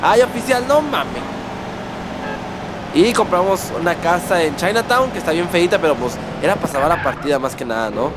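Excitable Mexican gaming commentator. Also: male voice, fairly high pitch, normal speed, background noise. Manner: excitable, swearing, mock-shouting at the game. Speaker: gaming host.

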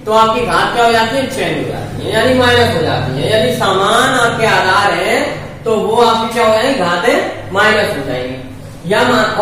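A man's voice: very high voice, fairly bright tone, slight background noise. A man teaching an exam-prep math lesson, explaining each step and asking and answering his own questions. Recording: echoey room, mic far off.

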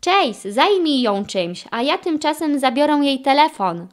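A woman puts on a confident young boy who leads the team in a children's storybook, his voice raised well above hers. He gives orders in a commanding, encouraging way, with a lively lilt. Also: high voice, measured pace, pitched above the performer's own voice. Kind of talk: children's audiobook character voice.

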